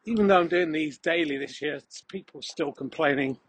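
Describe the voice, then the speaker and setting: A man's voice: a little high, a little fast, husky, no echo. A man hosting a podcast as a casual, rambling monologue while walking outdoors on a country path. He is out of breath and adds dry, jokey asides. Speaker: podcast host.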